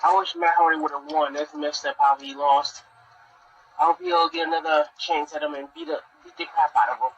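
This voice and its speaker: A man's voice comes through faint and muffled, as though he is sitting far from the mic. He is a little higher than most men and keeps his replies short and soft during a casual podcast chat. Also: lively intonation, fairly quick, breathy edge. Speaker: podcast co-host. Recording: distant, muffled.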